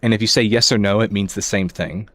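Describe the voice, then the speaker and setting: Guy on a livestream headset mic, lowish voice, rambles and corrects himself, no room echo. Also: fairly even intonation, fairly quick, a bit bright, studio quality. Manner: rambling, self-correcting talk to viewers. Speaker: streamer. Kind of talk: casual livestream chat.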